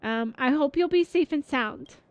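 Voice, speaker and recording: A woman's voice: high-pitched, animated, normal speed, no echo. A woman streamer chatting casually on a gaming livestream, rambling and filler-heavy as she reacts to her viewers.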